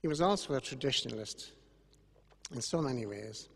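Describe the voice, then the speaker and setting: An older man with an Irish accent gives a funeral eulogy in a solemn, measured way, with grieving gratitude. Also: mid-range voice, animated, creaky, breathy edge. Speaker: eulogist speaking about his late brother. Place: large church, over a microphone to congregation and webcam. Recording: echoey church with long reverb.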